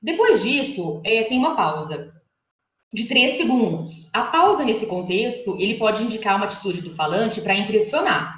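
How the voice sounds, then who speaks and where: A woman's voice: fairly high pitch, a bit bright. A woman giving an academic lecture over a video call, explaining step by step and often checking in with her listeners. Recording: echoey, muffled online call audio.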